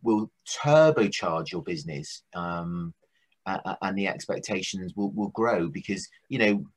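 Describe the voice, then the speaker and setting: A man's voice: low-pitched, animated, a little slow. A man co-hosting a business podcast, talking casually with frequent restarts. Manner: hesitant, many restarts and fillers. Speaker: podcast co-host.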